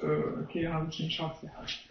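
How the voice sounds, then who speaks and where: High-voiced man interpreting a sermon. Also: completely flat delivery, roomy sound, distant mic, dull audio. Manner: hesitant, many filler sounds.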